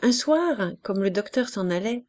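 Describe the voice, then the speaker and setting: A woman reads a classic novel aloud at a slow, deliberate pace. Her voice sits in a middle pitch, and her measured narration rises and falls with the story. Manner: measured, expressive reading. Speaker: audiobook reader. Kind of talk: scripted literary narration.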